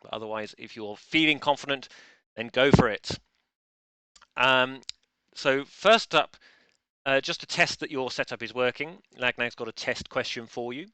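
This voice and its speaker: A man's voice: medium pitch, normal speed, bright, forceful tone, clean tone, no echo. A man hosting a live-streamed online quiz in a chatty, playful way, often restarting his sentences as he fumbles with the setup. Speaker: quiz host.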